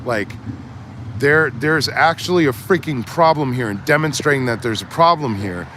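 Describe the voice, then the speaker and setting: A man's voice: medium pitch, normal speed, a little hiss or hum. Rambling man chatting on a street. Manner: animated, rambling with restarts. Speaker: livestreamer. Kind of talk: casual chat. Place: outdoors on a city street at dusk. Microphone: phone camera.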